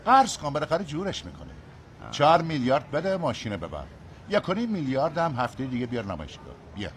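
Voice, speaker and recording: A slick used-car dealer, voiced by a man, presses for the sale with a lively, animated pitch. He sounds persuasive and pushy. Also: slight background noise, lightly acted. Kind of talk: dubbed film acting.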